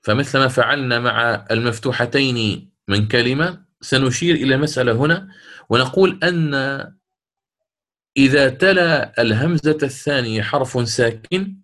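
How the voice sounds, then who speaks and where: A male recitation teacher talks through the rules with patient, step-by-step care. His pitch sits at an ordinary middle height for a man, and he slows to a drawn-out chant whenever he recites an example. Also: fairly bright tone. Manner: patient, step-by-step explanation, chants short verse examples slowly. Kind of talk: recorded lesson.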